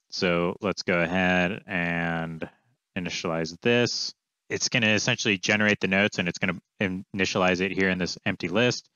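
A coding tutorial presenter in his thirties casually walks through a screencast, explaining and thinking aloud in an informal, offhand way, his fairly low voice clean, smooth and a little sharp. He records in a small indoor room with a webcam, and the audio is dry and close but slightly dull and lo-fi.

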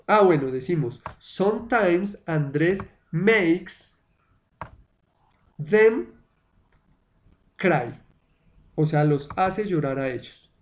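A man whose first language is Spanish, teaching an online English lesson and patiently repeating words for his students to drill. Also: fairly high pitch.

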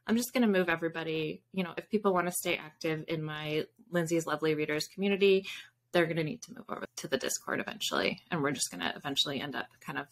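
Chatting as an interview guest, a woman in her thirties who writes books speaks fast in a deep voice with lively intonation. She's on a video call from a room lined with bookshelves. Informal in style, she often wanders and rewords her points.

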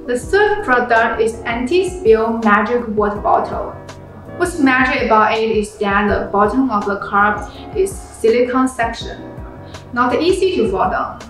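A young woman presenting products, reading a review script in plain, steady phrasing. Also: a little high, unhurried. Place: small room indoors. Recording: very echoey room with background music.

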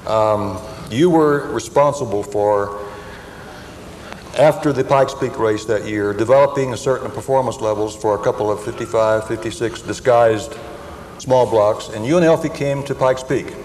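A man's voice: mid-range voice, normal speed, a little mellow. A middle-aged man interviewing a guest on stage, steering the talk with leading questions. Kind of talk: onstage interview. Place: stage with armchairs and plants, indoors. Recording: echoey hall with faint noise.

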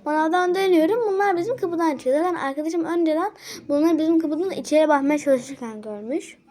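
A woman's voice: high voice, a little fast, dark tone. A young girl telling a rambling, agitated story about neighborhood kids in a casual vlog. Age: child. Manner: agitated, rambling with many restarts. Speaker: vlogger.

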